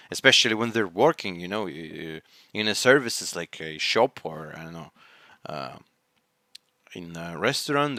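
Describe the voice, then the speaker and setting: A man's voice: low voice, pushed and bright, dry recording. A non-native English-speaking man hosting an anime reaction, talking casually and rambling as he searches for words. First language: not English. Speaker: anime reaction channel host.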